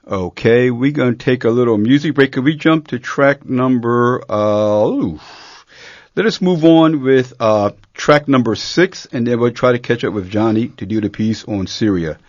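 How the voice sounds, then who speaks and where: A male radio host speaks in a relaxed, hesitant way, padding his lines with fillers as he sets up a guest. The sound is dry and slightly dull, with a middle-pitched voice. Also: moderate pace, dry recording. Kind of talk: live radio hosting.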